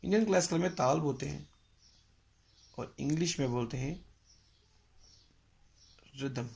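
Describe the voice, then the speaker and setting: A man teaching a music lesson, explaining slowly and patiently with pauses and mixing in English phrases. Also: on the high side, gravelly, darkish tone. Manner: mixes English phrases into Hindi. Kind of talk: spoken lecture.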